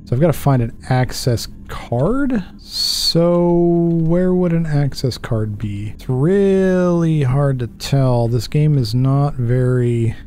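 Playing a horror game for his gaming channel, a man in his thirties chats and jokes to himself at a desk in a small dark room, using a headset and desk mic. He's expressive and warm, speaking slowly with few pauses, mocking his own errors, and his pitch leaps when he's startled. Faint music plays behind him.

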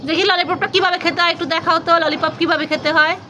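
A woman's voice: very high-pitched, level tone, very fast, pushed and bright. A woman, a mother and vlogger, coaxing and fussing over her toddler in a casual family home video.

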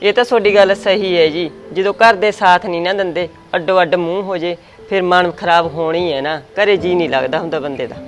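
A woman's voice: fairly low pitch, steady tone, a little fast, faint music behind. A woman with a Punjabi accent playing a wife in a village drama, soothing her husband. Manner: soothing, reassuring.

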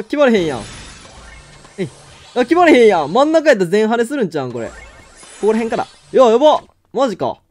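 A man with a Kansai accent giving excitable live commentary on his own game, exclaiming and laughing often. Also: high voice. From Kansai, Japan. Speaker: game streamer.

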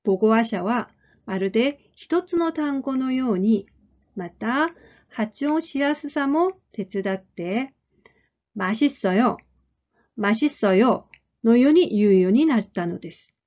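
A woman teaching a language lesson, speaking clearly and deliberately and repeating model phrases. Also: fairly high pitch, lively intonation, warm tone, dull audio. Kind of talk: slow, careful lesson explanation.

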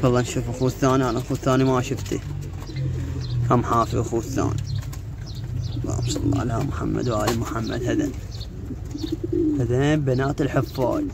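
A man's voice: medium pitch, fairly even intonation, quick pace, gravelly, long pauses. A man with an Iraqi Arabic accent chatting informally into a phone as a vlogger, rambling and leaning on repeated filler phrases. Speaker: YouTuber, pigeon keeper. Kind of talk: casual chatty phone vlog. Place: outdoor pigeon yard with cages. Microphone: handheld phone. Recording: phone recording outdoors with birds cooing. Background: pigeons cooing, faint noise.

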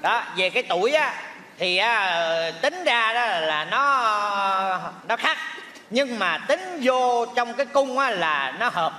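Brief: man as a wordplay-loving male fortune teller, high, bright voice, on an echoey stage. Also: very animated, slow, a little hiss or hum, full character voice. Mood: persuasive. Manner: persuasive, wordplay-heavy, stammering when flustered. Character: fast-talking male fortune teller matchmaker. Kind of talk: stage comedy sketch.

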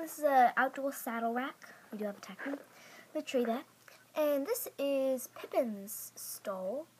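A female speaker walks through a toy barn with a slow, rambling delivery, stopping often for ums and soft whispered asides. Her voice sits a little high. The handheld phone recording carries clear background noise. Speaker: barn tour guide. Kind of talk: casual toy barn tour. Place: bedroom with toy stable, indoors. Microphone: handheld phone camera.

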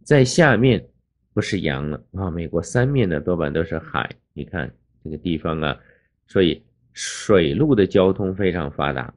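A man's voice: sits low, lively intonation. An older man teaching in a patient lecture, naming places and repeating the English words with care. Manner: explains slowly, spells out English place names. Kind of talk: classroom lecture over a map. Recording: dull lo-fi recording.

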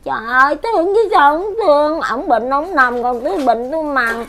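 A woman's voice: sits high, expressive, normal speed, fairly bright tone. An older woman with a Southern Vietnamese accent, rambling and repeating herself as she complains about her life. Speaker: elderly widow being interviewed. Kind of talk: casual chat.

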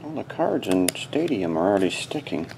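Here the card-break host has a lowish, creaky, sing-song voice at a moderate pace, and there's noise behind him. Sorting cards at his little indoor desk, he mutters brief, relaxed remarks while opening packs.

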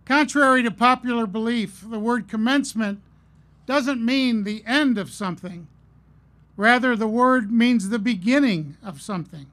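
A man's voice: very high voice, a bit bright. Middle-aged man giving a graduation speech. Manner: earnest, storytelling, measured pauses. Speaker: commencement speaker. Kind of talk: commencement address. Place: outdoor stage at a podium. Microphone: podium mic on a stand.

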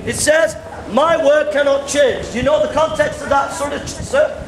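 Middle-aged street preacher, very high voice, shouting and repeating himself over crowd noise. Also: male voice, steady tone, moderate pace, reverberant, low-quality recording. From England. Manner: loud, repetitive, confrontational, pointing and gesturing. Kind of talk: open-air street preaching. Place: outdoor pedestrian shopping street. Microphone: handheld camera a few metres away. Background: passers-by and crowd noise.

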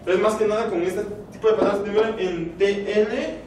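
A man's voice: high-pitched, steady tone, normal speed, darkish tone, slight background noise. A man teaching a language class, patiently explaining grammar step by step. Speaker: Nahuatl teacher. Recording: echoey room from far off.

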